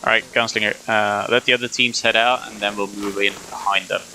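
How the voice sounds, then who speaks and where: Low-voiced male squad leader, terse military radio updates and orders, noisy game voice chat with clicks and vehicle rumble. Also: little pitch movement, fairly quick, pushed and bright.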